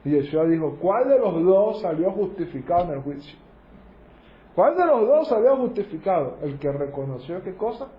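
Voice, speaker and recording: A man's voice: sits high, very animated, moderate pace. A man teaching a religious lesson in a sermon style, asking rhetorical questions and checking in with his listeners. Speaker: teacher of a Torah study group. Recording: roomy, dull lo-fi sound.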